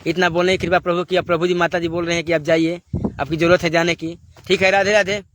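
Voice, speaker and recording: A man's voice: fairly high pitch, flat delivery, quick pace, fairly bright tone, no room sound. A man giving a devotional sermon, exhorting listeners and firing off rhetorical questions. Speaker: spiritual preacher.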